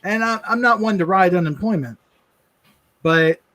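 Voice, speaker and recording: A man co-hosting a livestream, telling a personal story in an earnest, halting way with many restarts. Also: sits high, sharp tone. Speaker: livestream co-host.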